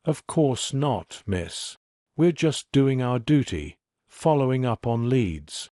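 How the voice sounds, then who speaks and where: A man's voice: mid-range voice, expressive, takes it slowly, warm tone, dry recording, clean studio sound. A man voicing an eager junior male agent who pipes up politely. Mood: dutiful. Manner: polite, piping.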